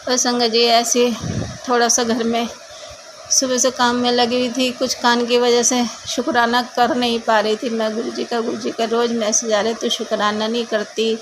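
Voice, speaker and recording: A middle-aged woman speaks in a fairly high voice. She tells her devotional testimony earnestly and keeps circling back to heartfelt thanks. A faint ambient hum sits under the recording. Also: monotone, normal speed. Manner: earnest and grateful, repeats thanks to her guru often.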